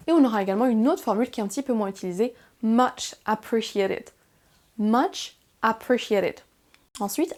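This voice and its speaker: A young woman with a French accent leads a beginner English lesson. Her voice sits a little high. She moves quickly through the explanations and then slows down to pronounce each English phrase with care. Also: a little mellow. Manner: clear, deliberate model pronunciations, slowing on English phrases. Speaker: English teacher.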